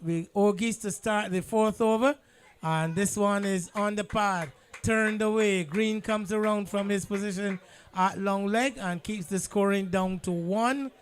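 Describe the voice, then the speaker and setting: Bajan guy doing live cricket commentary, pretty high voice, explains stuff in a measured way. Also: fairly even intonation, slight background noise.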